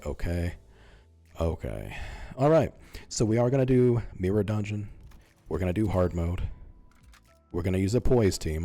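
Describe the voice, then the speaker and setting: Young male gamer, low mellow voice, flat relaxed delivery, close mic, faint music underneath. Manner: self-described monotone, relaxed and mumbling. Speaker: gaming YouTuber. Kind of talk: casual gameplay commentary. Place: home streaming setup, leaning back. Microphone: close microphone in front of mouth.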